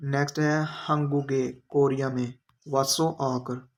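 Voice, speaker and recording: Patient man explaining in a flat voice. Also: mid-range voice. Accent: Pakistani Urdu. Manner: patient, repeats each word slowly with its meaning. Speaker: language teacher. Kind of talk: step-by-step lesson explanation.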